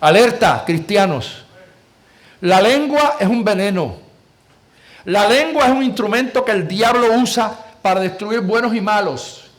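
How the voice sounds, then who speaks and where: Pastor, high tenor voice, emphatic repetitive preaching with rhetorical questions. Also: male voice. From Puerto Rico. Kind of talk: sermon storytelling.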